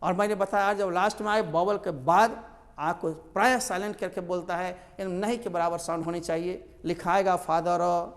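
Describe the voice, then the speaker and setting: A man teaching an English grammar lesson to a class, explaining slowly and repeating words with stress. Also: high voice, steady tone, big-room sound.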